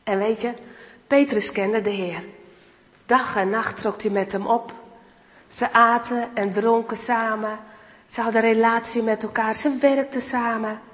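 A woman's voice: on the high side, steady tone, a little slow, fairly bright tone. A woman giving an enthusiastic guest sermon, acting out Bible dialogue as she speaks. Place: church hall. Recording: reverberant hall.

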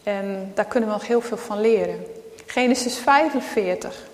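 A woman's voice: medium pitch, normal speed. Woman preacher in an echoey church. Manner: calm, earnest, reads scripture aloud. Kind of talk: sermon with Bible reading.

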